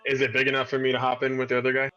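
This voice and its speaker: A man's voice: mid-range voice, completely flat delivery, rapid-fire, bright, forceful tone, dull audio. A man chatting casually as a player in a tabletop role-play game.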